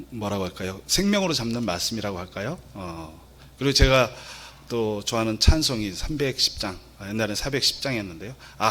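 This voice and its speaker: Soft-spoken hesitant lay preacher man. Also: lowish voice. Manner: soft, hesitant, with many fillers. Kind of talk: sermon.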